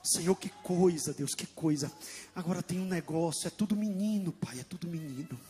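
A man with a Brazilian Portuguese accent voicing the apostle Barnabé as a soft-spoken man who murmurs low in a sermon. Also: animated, normal speed, soft background music. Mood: worried.

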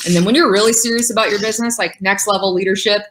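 A woman co-hosting a business webinar in a casual, excited, upbeat way. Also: mid-range voice, racing, slight background noise. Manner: excited, upbeat, says she is yelling. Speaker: webinar co-host.

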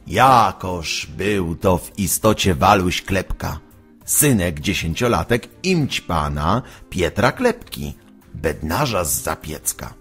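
A man narrates a storybook with a husky, lowish voice. He reads slowly, his pitch rising and falling with plenty of expression. Faint music sits behind him. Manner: slow, expressive reading.

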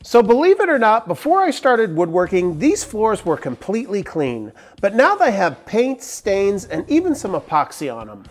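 A man's voice: high voice, huge pitch swings, moderate pace, hardly any pauses. A man in his forties hosting a casual woodworking tool review from a large barn workshop, talking into a lapel mic in an upbeat, jokey, explanatory way. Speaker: woodworking channel host.

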